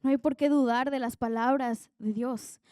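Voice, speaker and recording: A young woman preaches an earnest sermon in a conversational way, telling stories from her own life. Her voice sits fairly high and sounds mellow and smooth. The sound is dry and close, with little room echo. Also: fairly even intonation, moderate pace.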